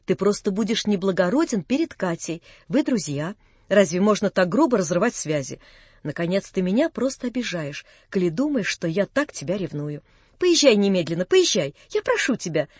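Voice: mid-range voice, very animated, normal speed, darkish tone, slightly rough, no room sound. A woman voicing an anxious, proud young woman. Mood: earnest. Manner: urgent, earnest, pleading.

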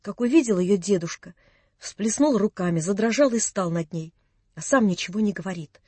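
A narrator reading classic prose for an audiobook in a soft, measured storytelling manner. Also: medium pitch, expressive, husky, no room sound.

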